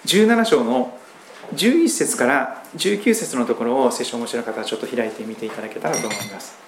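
A man from Japan, a pastor preaching a sermon in a conversational style with strong emphasis. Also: a little fast. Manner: conversational preaching with lively, pitch-swinging emphasis. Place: church sanctuary. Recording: roomy church hall echo, faint background hum.

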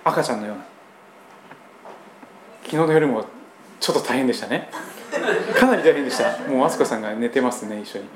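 A man's voice: brisk, pauses often, crowd noise. A man from Japan, a pastor preaching a sermon in a conversational style with strong emphasis. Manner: conversational preaching with lively, pitch-swinging emphasis. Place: church sanctuary. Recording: roomy church hall echo, faint background hum.

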